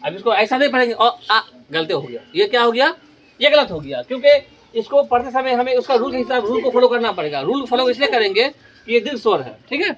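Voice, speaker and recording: A man's voice: very high voice, big pitch swings, fast, a bit bright. A man teaching a grammar lesson in a classroom style, asking questions and then answering them himself, and repeating key terms.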